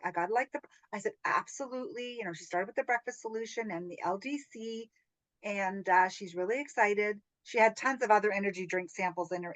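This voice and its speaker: A woman hosts a relaxed group coaching call over video. She tells stories in a chatty, animated way, laughs often and keeps checking in with "right?" Her voice is recorded close and dry, with little room sound. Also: medium pitch, no room sound, rough recording. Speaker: business training host.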